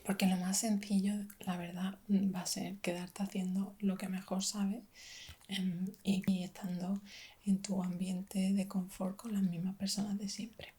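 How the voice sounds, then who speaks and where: A woman from giving a whispered ASMR pep talk in a breathy, gentle, reassuring way, like a friend talking to you. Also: mid-range voice, little pitch movement, unhurried. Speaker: ASMR video creator.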